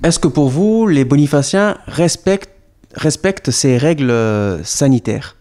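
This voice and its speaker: A man's voice: a little high, expressive, a little slow, mellow. A man acting as interviewer, putting questions to a guest.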